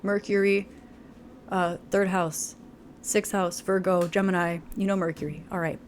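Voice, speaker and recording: A woman's voice: on the low side, level tone, measured pace, slight background noise. Chatty woman giving a tarot reading. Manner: chatty, laughs often, many fillers. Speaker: tarot reader. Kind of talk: casual tarot reading to camera.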